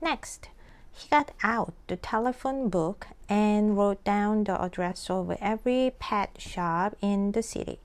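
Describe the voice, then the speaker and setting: Slow, mellow woman reading a storybook aloud. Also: mid-range voice. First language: Korean. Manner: slow, careful, patient. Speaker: English reading teacher.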